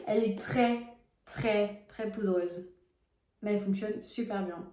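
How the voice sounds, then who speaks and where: A woman's voice: medium pitch, fairly even intonation, unhurried, mellow, echoey room. A young woman doing a casual makeup test vlog, talking frankly and chattily to her viewers while she applies products, recorded on a phone at home. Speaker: beauty vlogger. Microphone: phone camera.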